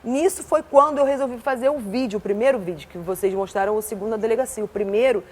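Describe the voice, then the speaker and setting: Woman TV guest, husky, forceful delivery, rapid and a little high. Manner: speaks forcefully, gestures a lot. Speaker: interview guest. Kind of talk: emotional studio interview. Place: television studio.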